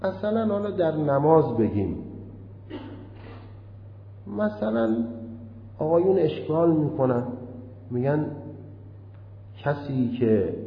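A man teaching a religious law class in a deliberate way, chanting the recitations he quotes. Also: mid-range voice. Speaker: seminary teacher. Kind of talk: jurisprudence lecture. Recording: echoey hall, dull lo-fi.

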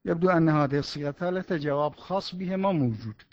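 A man teaching a seminary lesson on religious law, talking deliberately, pausing and correcting himself as he explains. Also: on the high side, darkish tone, no room sound. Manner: deliberate, with pauses and self-corrections. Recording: muffled dry recording.

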